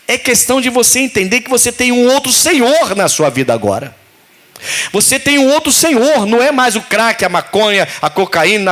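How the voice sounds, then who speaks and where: A man preaching a sermon as pastor, telling stories and acting out the dialogue. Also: high-pitched. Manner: animated storytelling preacher, acts out dialogue.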